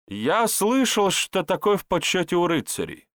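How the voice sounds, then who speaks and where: Man doing a jittery high-voiced herbalist. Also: big pitch swings, a bit bright, dry recording, clean studio sound. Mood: eager. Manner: flustered, eager, hurried replies. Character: nervous evasive male herbalist, a disguised priest.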